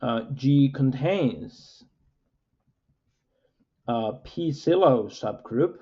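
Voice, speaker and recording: A man, a mathematics professor, lecturing with frequent "uh" fillers in a measured, explanatory way. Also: mid-range voice, lively intonation, dark tone, highs cut off.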